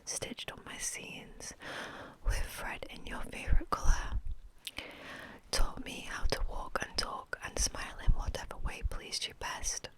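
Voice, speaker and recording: A woman hosting an ASMR channel, softly whispering as she chats and reads aloud from a book. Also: a little slow, poor audio. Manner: soft unvoiced whispering throughout.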